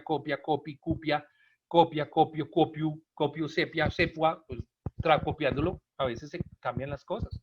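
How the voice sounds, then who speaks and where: A man's voice: on the high side, background noise. A man teaching an informal Bible talk to a group, speaking conversationally and often checking in with his listeners. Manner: acts out quoted lines with sudden emphasis. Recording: dull lo-fi recording.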